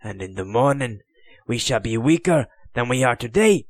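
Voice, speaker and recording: A man narrating an audiobook voices a proud, desperate Spanish colonel held captive, pleading with defiance and anguish. His mid-range voice is animated and natural at a normal pace, pitched above his own speaking voice. The studio sound is clean with no room tone.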